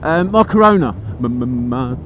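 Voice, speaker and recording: Man chatting over loud road noise. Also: medium pitch, lively intonation, moderate pace. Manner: musing, chatty, colloquial. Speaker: motorcycle vlogger. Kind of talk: casual rambling commentary while riding. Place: outdoors on a moving motorcycle. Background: engine, traffic and road noise.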